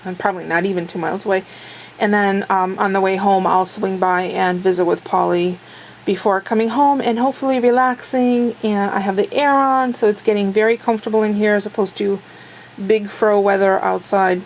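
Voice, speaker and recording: A woman's voice: medium pitch, steady tone, a little fast, slight background noise, rough recording. A woman vlogging her day in a chatty, rambling, self-deprecating way, her voice a little worn from talking. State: losing her voice. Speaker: daily vlogger. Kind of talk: casual chat to camera.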